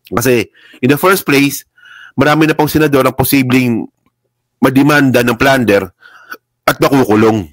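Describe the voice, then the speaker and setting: A man's voice: medium pitch, no room sound, poor audio. A man hosting a casual political commentary livestream, mocking and laughing often as he reads headlines aloud. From Philippines. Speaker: political vlogger. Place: indoors at a laptop.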